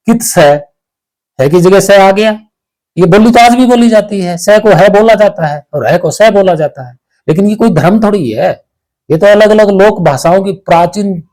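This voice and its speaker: Man, high voice, slow spiritual talk, explains step by step. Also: a little mellow. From Haryana, India. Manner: slow, explanatory, asks "ठीक है" to check understanding. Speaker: spiritual teacher. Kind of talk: spiritual discourse.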